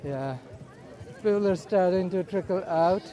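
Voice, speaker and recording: A man giving casual, unhurried walking commentary as a live vlogger, speaking in short observational phrases outdoors. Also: high voice, warm tone. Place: outdoors at a busy beach and streets. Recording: outdoor crowd and street bustle. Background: crowd.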